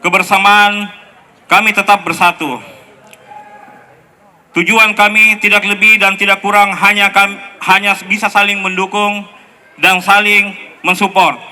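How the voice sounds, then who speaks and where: A man giving a formal public speech as a group leader, in short deliberate phrases. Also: high-pitched, pushed and bright.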